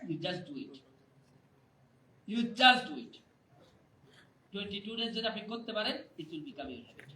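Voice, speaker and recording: In a hall full of people, an energetic male trainer with a high, bright voice runs a live motivational workshop on public speaking, repeatedly pressing the audience for replies. The recording is echoey, picked up from a distant microphone.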